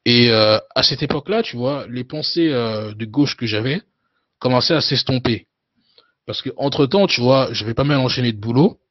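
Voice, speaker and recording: A thirties-aged man, appearing as a guest in a laid-back interview, speaks at medium pitch and a moderate pace. His talk is loose, full of hesitations and "you know" tags. The lo-fi recording sounds dull and dry, with no echo.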